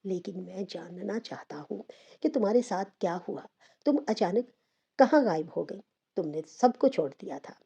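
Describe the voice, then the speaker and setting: A woman's voice: medium pitch, animated, moderate pace, gravelly, dark tone, breathy edge, heavily acted. A woman voicing an earnest young man who presses and insists. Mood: pressing.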